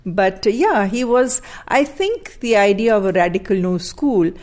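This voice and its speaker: An older woman from Pakistan, a guest speaking thoughtfully in conversation, with fillers and soft laughs. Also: medium pitch, animated, a little slow. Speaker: guest, daughter of a poet. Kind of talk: reflective conversation.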